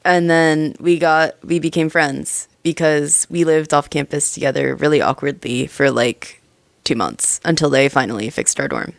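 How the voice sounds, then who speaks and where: A young woman from Pennsylvania, a guest in a casual interview chat, chatty and candid and quick to giggle. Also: deep voice, fairly even intonation, creaky. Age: young adult.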